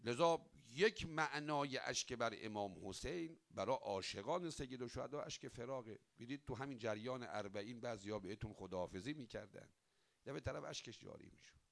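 A man delivering a religious sermon, voice rising loud and sinking soft, drawing out chanted prayers. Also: mid-range voice, vocal fry. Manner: dramatic rise and fall, swelling loud then dropping soft; chants quoted prayers with drawn-out emphasis. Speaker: cleric.

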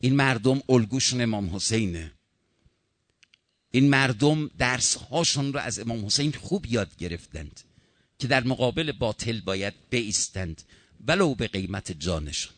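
A male preacher delivers a sermon with mounting passion, climbing into ringing appeals and dropping low for solemn passages. His tone is bright and forceful. The sound is dry and close, with no room echo. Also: animated. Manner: impassioned, rising and falling in pitch.

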